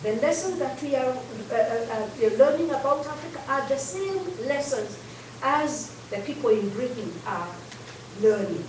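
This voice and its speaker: A woman's voice: high-pitched, animated, moderate pace. Kenyan woman speaking in an echoey hall. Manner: earnest, emphatic, with frequent fillers and "so forth". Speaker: guest speaker, educator and activist. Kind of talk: public talk to a community audience. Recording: echoey hall, distant mic, background noise.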